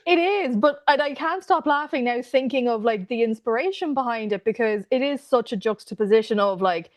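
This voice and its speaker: A woman hosting a casual podcast interview, giggly and quick with friendly interjections. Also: a little high. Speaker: podcast host.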